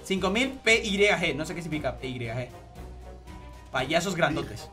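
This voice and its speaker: A man with a Spain Spanish accent, live-streaming an online game, chatting excitably and thanking donors. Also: fairly high pitch, moderate pace. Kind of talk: live gaming stream chat. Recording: game music playing behind voice. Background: game music.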